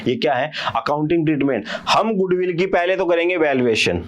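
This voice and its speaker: A young man teaching commerce in a casual lecture, acting out a quarrel between business partners and their accountant, and often asking his students quick check-in questions. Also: fairly high pitch, lively intonation, lo-fi sound. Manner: acts out partners' quarrels with a CA in quoted voices. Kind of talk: casual Hindi lecture with playful storytelling.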